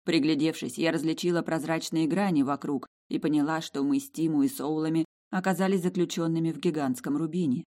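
A woman narrating a first-person fantasy audiobook in an emotive, expressive way. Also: deep voice, fairly quick, few pauses.

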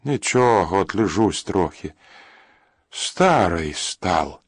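A man's voice: sits low, very animated, takes it slowly, breathy edge, no echo, clean studio sound, full character voice. A man voicing an old, ailing rural father who mixes in Ukrainian words. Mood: weary. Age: older. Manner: rustic speech with Ukrainian words. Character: old ailing male Cossack-country father, suspicious.

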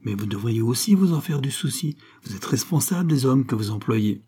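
A man's voice: medium pitch, animated, fairly quick, warm tone, a little hiss or hum, lightly acted. A man voicing a seasoned, commanding male police commissioner who gives firm orders in a storybook reading. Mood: stern.

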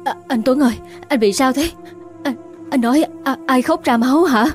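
A woman's voice: high voice, normal speed, soft background music, lightly acted. A woman voicing a young village widow in an audio ghost story, who wails and pleads and is secretly scheming. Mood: concerned. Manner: wailing, pleading.

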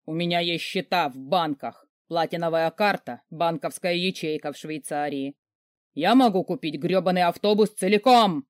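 A woman's voice: low-pitched, fairly quick, no echo, studio quality, natural voice. Woman doing a raging, sneering rich boss man. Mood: sarcastic. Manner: yelling, sarcastic, snarling. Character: furious rich man, a hulking grumpy boss.

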